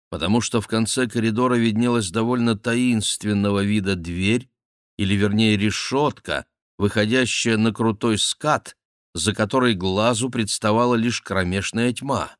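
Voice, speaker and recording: A man narrating a historical novel as an audiobook, in a measured, even storytelling manner. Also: fairly low pitch, no echo, clean studio sound. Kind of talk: scripted literary narration.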